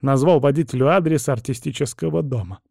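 A man's voice: mid-range voice, brisk, creaky, darkish tone, dry recording, clean studio sound. A man narrating a first-person audiobook in a wry, conversational storytelling manner.

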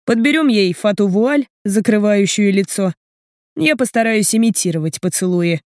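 A woman's voice: medium pitch, moderate pace, a little mellow, no room sound, clean studio sound, close to an everyday voice. A woman reading the lines of a cold, commanding man in his late thirties, clipped and stressing each word.

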